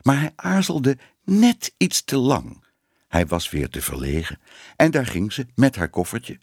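A man's voice: mid-range voice, very animated, a little slow, breathy edge, no room sound, clean studio sound. A man reading a children's story aloud as narrator, voicing the characters expressively.

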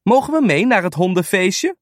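A man voicing an excited four-year-old girl in a children's storybook. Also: sits high, moderate pace, no echo, studio quality, voice pushed up. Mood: eager.

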